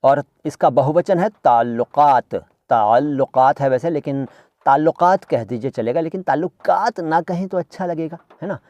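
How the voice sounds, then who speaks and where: A man's voice: a little high, moderate pace, a little mellow, no room sound, muffled recording. A man teaching vocabulary in a chatty lesson, talking straight to his listeners and repeating each word to drill its pronunciation. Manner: chatty, addresses listeners directly with asides. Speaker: language teacher.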